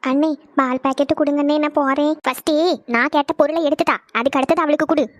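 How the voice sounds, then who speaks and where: A woman voices a bitter, scornful middle-aged mother in a cartoon, speaking. The voice is very high and quick, harsh and contemptuous, and sits close and dry on the mic. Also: fairly even intonation, no echo, close to an everyday voice. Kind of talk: cartoon voice acting.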